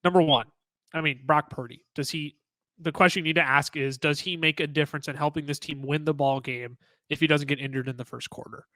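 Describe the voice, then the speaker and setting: A man co-hosting a sports podcast, talking excitedly in casual chat with many restarts. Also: a little high, fairly quick, dry recording. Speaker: podcast co-host.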